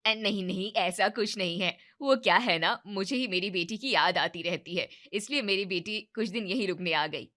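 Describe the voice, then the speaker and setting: A woman voicing a timid, indulgent middle-aged mother who speaks in a hesitant, soft-spoken way in an animated story. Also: mid-range voice, normal speed, few pauses, lightly acted.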